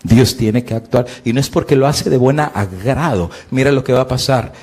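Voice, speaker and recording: A middle-aged male pastor with a husky voice, preaching a sermon with big swings in pitch and volume, asking his listeners questions and answering them himself. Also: normal speed, a little mellow. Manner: preaching with sweeping rises and drops in pitch and volume.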